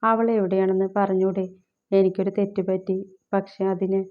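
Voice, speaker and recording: A woman's voice: mid-range voice, flat delivery, moderate pace, natural voice. A woman voicing a grieving young husband who pleads bitterly for news of his missing wife, on a slightly dull recording. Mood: pleading.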